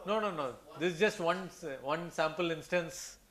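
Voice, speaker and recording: In a conference hall, a man with an Indian English accent presents research slides and then takes questions, sounding hesitant with many fillers and restarts. His voice is fairly high-pitched and fairly bright, at a normal speed.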